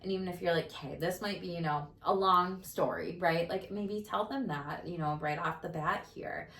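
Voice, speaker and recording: Woman, low voice, chatty podcast host, animated, echoey room, a bit off-mic. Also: normal speed. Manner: animated, chatty, many fillers. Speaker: host and coach. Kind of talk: casual conversation. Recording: roomy, distant mic, faint noise.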